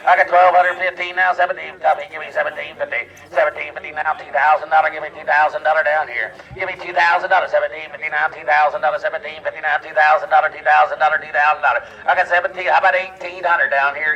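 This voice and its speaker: A man working as an auctioneer, calling bids in a rapid, repetitive sing-song auctioneer's chant at an outdoor sale. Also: a little high, vocal fry, bright, forceful tone, recorded from a distance, dull audio. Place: outdoor farm equipment auction.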